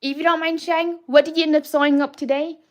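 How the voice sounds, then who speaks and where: Hosting a live drawing stream, a woman chats casually in a playful, childlike manner, greeting viewers and often restarting her sentences. Her voice is high and fast with a flat delivery.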